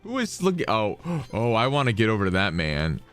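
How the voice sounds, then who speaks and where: Chatty excitable male game streamer. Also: on the low side, brisk, clean tone, soft background music. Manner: chatty, excitable, rambling asides. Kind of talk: casual gameplay chat with viewers.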